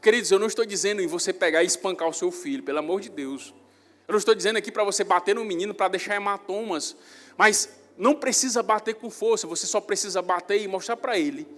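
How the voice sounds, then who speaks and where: A young pastor with a Northeastern Brazilian accent preaches a sermon through animated storytelling, his voice rising loud on points of emphasis. He pitches high and talks fast. The church hall is reverberant, with faint music in the background.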